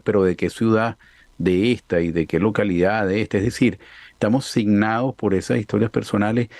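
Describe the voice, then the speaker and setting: A man interviewing a guest, building a long, measured question step by step. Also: deep voice, mellow, no echo.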